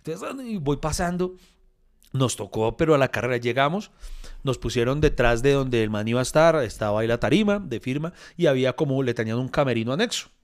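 A middle-aged man with a Colombian accent, co-hosting a podcast and telling a long story in a casual, animated way. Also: medium pitch, fairly quick. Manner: animated storyteller, acts out quoted voices. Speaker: podcast co-host.

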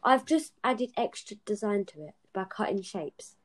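A woman's voice: medium pitch, lively intonation, normal speed, no room sound. A young woman, hosting a casual podcast chat and telling stories with giggles. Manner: chatty storytelling, giggly. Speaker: host.

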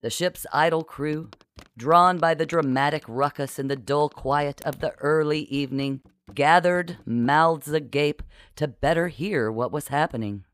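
An audiobook narrator reading a comic pirate story in a lively, playful way. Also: medium pitch, unhurried, no echo, studio quality.

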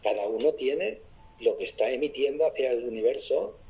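A man's voice: medium pitch, animated, normal speed, creaky, mellow, highs cut off, a little hiss or hum. A man from giving a spiritual talk, often asking his listeners rhetorical questions. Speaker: spiritual speaker.

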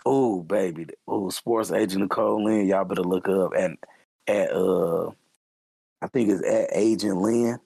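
A man's voice: sits low, steady tone, unhurried, creaky, dark tone, husky, no room sound. A young man co-hosting a podcast, hyped and joking, full of slang and repeated catchphrases. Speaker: podcast co-host. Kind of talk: casual podcast banter.

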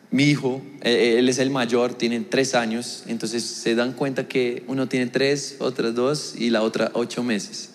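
A young adult man preaching a sermon as a pastor, telling a personal story earnestly, swinging between raised emphasis and quiet reflection. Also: mid-range voice, in a large hall.

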